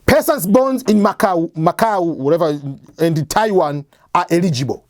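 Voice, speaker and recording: He hosts an immigration advice channel, explaining step by step to camera in a conversational way and fielding his own questions. The voice is high with a darkish tone and normal speed, in studio-quality audio with no echo.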